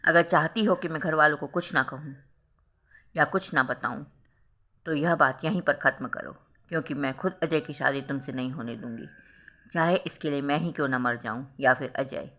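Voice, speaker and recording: A storyteller voicing a young wife who scolds her sister and later weeps with guilt, in a bright voice. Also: mid-range voice, moderate pace. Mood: stern. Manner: scolding, then tearful and guilt-ridden. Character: stern young wife, protective older sister.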